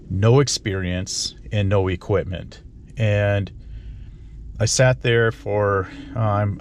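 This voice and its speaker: Low-voiced man telling a story, noisy recording. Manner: blunt, swears freely, talks in loose run-on sentences. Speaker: channel host. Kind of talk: casual storytelling to camera.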